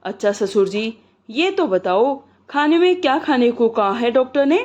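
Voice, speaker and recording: Woman doing a loud deaf son-in-law. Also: fairly high pitch, lively intonation, normal speed, highs cut off, close to an everyday voice. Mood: loud cheerful. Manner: shouting everything loudly.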